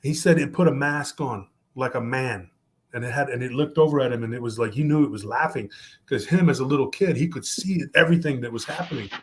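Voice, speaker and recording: A man telling a story on a podcast in a casual, animated way, mixing Spanish slang into his talk. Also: medium pitch, fast talker, slight background noise. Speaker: podcast guest.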